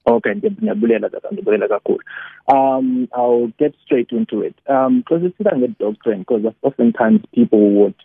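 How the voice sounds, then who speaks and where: A South African man with a Xhosa accent speaks over a narrow, tinny line with a rough, husky voice. As a guest preacher he explains teaching informally, repeating phrases haltingly and switching between two languages. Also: medium pitch, no room sound.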